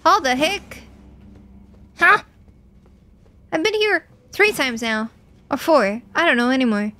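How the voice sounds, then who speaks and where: A young Portuguese streamer in early adulthood talks over her gameplay in a high, sing-song voice that sounds pushed and bright, moving a little slowly. She teases her viewers, meeting their messages with mock anger and jokes.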